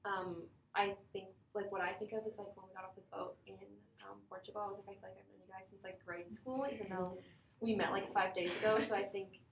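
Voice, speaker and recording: A woman's voice: medium pitch, level tone, fairly quick, gravelly. A young woman from Chicago chats casually as a student guest on a podcast, sprinkling her talk with "like." Her voice sits in the middle of the range. The room echoes, with a faint hiss behind. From Chicago, USA. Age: young adult. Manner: chatty, many "like"s. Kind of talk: casual chat.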